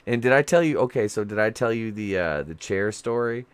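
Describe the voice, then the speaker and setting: A middle-aged man with a very low voice recounts an eerie experience in a relaxed, rambling way. He leans on fillers and acts out the lines of the people in the story. The sound is dry and close. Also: brisk, smooth, dry recording. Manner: rambling, with many fillers and quoted dialogue. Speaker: guest. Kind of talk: casual storytelling chat.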